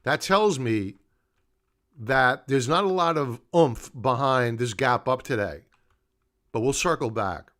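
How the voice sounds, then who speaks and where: A middle-aged man speaks slowly in an animated, medium-pitched voice with a slightly bright quality. Hosting a live market analysis stream, he offers off-the-cuff commentary and chats to viewers, his explanations stopping and starting conversationally.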